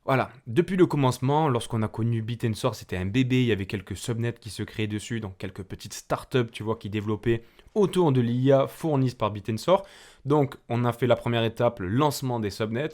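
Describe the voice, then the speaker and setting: A French-accented man talks through charts in a loose, chatty way, addressing the viewer directly. His voice sits at an ordinary middle pitch for a man. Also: a little fast, darkish tone. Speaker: crypto channel host. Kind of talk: casual market commentary to camera.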